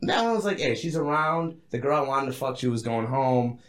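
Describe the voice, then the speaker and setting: A man's voice: mid-range voice, lively intonation, fairly quick, a little hiss or hum. A young man telling a crude story to friends, rowdy and boastful, swearing often and laughing as he talks. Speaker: podcast co-host telling a story. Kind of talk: crude casual banter among friends.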